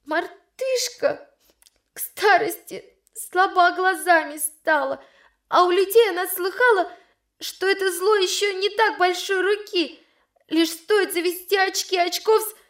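A woman's voice: very high voice, measured pace, fairly bright tone, voice pushed up. A woman playing a tearful nervous schoolgirl. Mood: flustered. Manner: gulping, nervous. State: on the verge of tears. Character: tearful flustered top schoolgirl.

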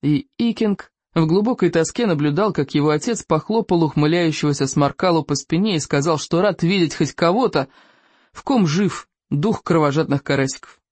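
Audiobook reader, theatrical and animated, close dry mic, mid pitch. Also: normal speed, no echo. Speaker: audiobook narrator. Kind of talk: expressive audiobook narration.

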